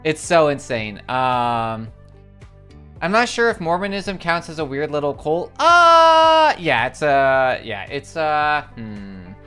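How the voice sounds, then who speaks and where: A livestream host tells a long story in casual chat, rambling with constant filler words and keeps saying how crazy it all is. The voice is smooth and clear at a middling pitch. Soft music plays faintly underneath. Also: takes it slowly. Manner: excitable, repeats "it's crazy".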